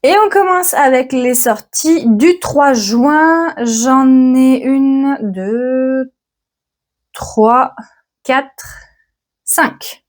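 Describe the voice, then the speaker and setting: Woman host of a book channel with a fairly high voice, talking casually and thinking aloud. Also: very slow, few pauses, a little mellow. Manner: chatty, self-mocking, thinks aloud. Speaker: book vlogger. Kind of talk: casual chat about new books.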